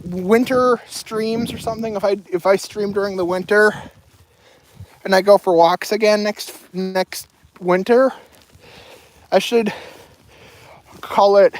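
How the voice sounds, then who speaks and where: Her voice sits at a medium pitch, with a faint hiss or hum in the recording. She's a young woman streaming live as she walks outside carrying a loaded pack, wandering conversationally from one topic to another for her viewers.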